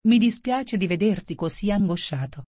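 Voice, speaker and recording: A woman voicing a polite, curious young girl in a storybook reading, speaking gently. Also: medium pitch, expressive, normal speed, no echo, clean studio sound, close to an everyday voice.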